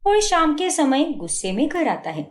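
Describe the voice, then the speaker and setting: A woman's voice: sits high, sing-song, normal speed. A woman narrating a cartoon story in a plain storytelling manner.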